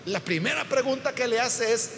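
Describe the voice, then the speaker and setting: A preacher teaches a Bible passage step by step, acting out the quoted dialogue with emphasis. His very high voice is animated and fairly bright with vocal fry, at normal speed, and the recording has hall reverb with faint room noise.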